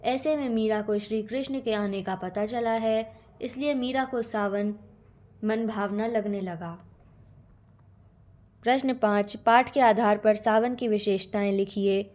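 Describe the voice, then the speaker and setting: A woman's voice: mid-range voice, measured pace, a little mellow. A woman teacher steadily reading out a poem explanation and answers for a school lesson.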